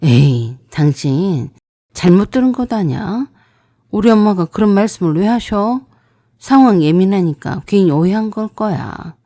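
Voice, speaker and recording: A woman voicing a defensive young man who brushes off his fiancée, speaking lower and slower in a dry recording. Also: expressive, warm tone, no echo. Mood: dismissive. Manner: lower, slower, irritated insistence.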